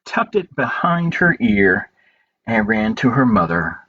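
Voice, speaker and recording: Hosting a children's storytime indoors at home, this man keeps his words simple as he reads and talks with the kids. He speaks in a lowish, fairly bright voice with a breathy edge, very animated yet unhurried. Background noise runs through the dull audio.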